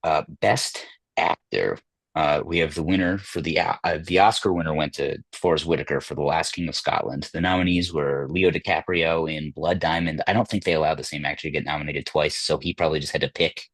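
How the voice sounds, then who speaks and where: A man with a very low, husky voice hosts a casual film podcast. He rambles and hesitates, leaning on fillers as he talks. The sound is dry and close. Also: steady tone, a little fast, fairly bright tone, no room sound. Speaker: podcast host. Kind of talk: casual chat about film awards.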